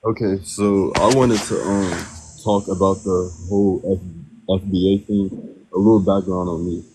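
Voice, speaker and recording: Eighteen-year-old male caller, deep and husky, muffled as if through a wall, halting delivery. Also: steady tone, a little mellow. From United States. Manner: hesitant, many ums and restarts. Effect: muffled, as if through a wall, from a covered mic. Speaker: caller on a live stream. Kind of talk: casual call-in talk.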